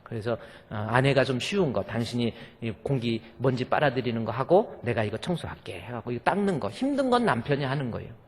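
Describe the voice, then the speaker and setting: A male pastor preaching in a church sanctuary, folksy and joking with his people. His voice is husky and a bit breathy. It rings with a long hall reverb. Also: mid-range voice, lively intonation, fast talker, hardly any pauses. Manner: folksy, jokes with the congregation. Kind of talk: sermon.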